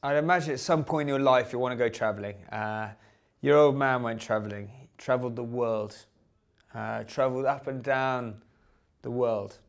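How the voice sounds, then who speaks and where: A man's voice: mid-range voice, moderate pace, clear, resonant tone. A man telling a rambling, hesitant confessional story in a scripted comedy monologue.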